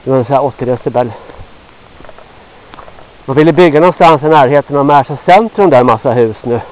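An older Swedish man rambles on to himself as he trudges through the woods, gruff and chatty, a bit winded and sweaty. His voice sits at an ordinary middle pitch. The handheld outdoor recording sounds dull and lo-fi. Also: a little mellow. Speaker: vlogger. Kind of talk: rambling walk-and-talk monologue. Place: outdoors in a forest.

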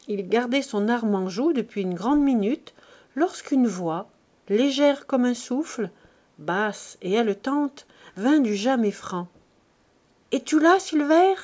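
A woman reads a classic novel aloud as an audiobook narrator, in a measured, expressive way. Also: medium pitch.

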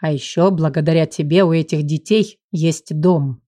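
A woman voicing a teasing, affectionate young male sorcerer who speaks low and lazily. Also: normal speed, mellow, no room sound, studio quality. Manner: wry, affectionate, low and lazy.

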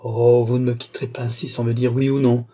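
A man's voice: mid-range voice, little pitch movement, fairly quick, dark tone, close to an everyday voice. A man reading an audiobook, voicing a young nobleman who pleads in impassioned, anguished outbursts.

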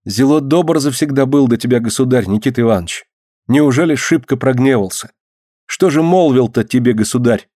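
A pleading, guilt-stricken noblewoman from old Russia, as a male reader puts her on, hushed and archaic in her speech. The voice is dark and mellow. It sounds dry and close, like a storybook reading. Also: mid-range voice, a little fast, no echo, natural voice. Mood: anxious. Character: grieving guilt-stricken old-Russian boyar's wife, middle-aged woman. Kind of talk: audiobook reading.

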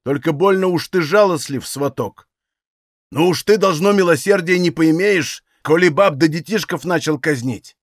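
A stern, lame old Cossack father speaks loud and unbending. A man voices him while reading a novel aloud. His voice sits a little high for a man, dry and close to the mic. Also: moderate pace, dry recording, close to an everyday voice. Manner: loud, firm, commanding.

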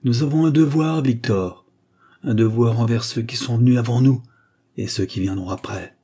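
A man's voice: mid-range voice, normal speed, dark tone, husky, close to an everyday voice. A man voicing a stern, proud aristocratic father, an aging marquis, in an audiobook, solemn and insistent.

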